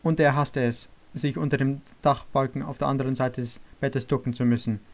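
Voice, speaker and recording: A man narrating an audiobook in a steady, even manner. His voice sits at a middle pitch for a man. He reads the story at an unhurried pace. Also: vocal fry. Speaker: audiobook reader. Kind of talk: scripted narration.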